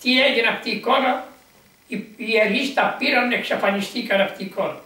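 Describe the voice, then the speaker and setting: A monk, a man, telling a miracle tale in an animated, rambling way with lots of quoted dialogue. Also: very high voice. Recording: echoey room from far off.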